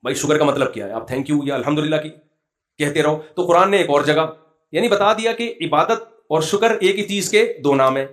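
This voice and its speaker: Guy preaching, kinda high voice, tells funny stories, recites arabic verses. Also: lively intonation, a bit bright. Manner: storytelling, humorous, quotes Quranic verses in Arabic. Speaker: Islamic scholar giving a religious talk. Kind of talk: conversational sermon with jokes and anecdotes.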